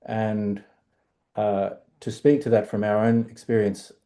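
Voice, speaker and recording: A middle-aged man with an Australian accent, speaking as a panelist in an online discussion in a halting, self-deprecating way. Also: lowish voice, flat delivery, mellow. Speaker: panelist, stove enterprise founder.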